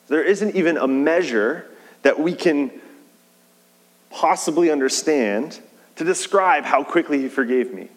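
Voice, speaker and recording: A man preaching a sermon in a relaxed, conversational way, shifting his pace and leaning on key words. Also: medium pitch. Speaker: pastor. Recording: long reverb of a large hall.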